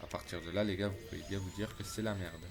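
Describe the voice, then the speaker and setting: A deep-voiced man talks fast over background music while streaming a video game. Excitable and chatty, he addresses his chat as "les gars," keeps the commentary casual, and swears when the game frustrates him.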